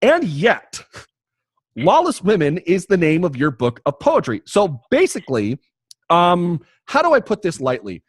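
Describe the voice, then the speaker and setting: Lively, jokey male podcast host. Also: high voice, unhurried, husky, dry recording, clean studio sound. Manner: jokey, rambling, many restarts. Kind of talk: casual podcast chat and promo read.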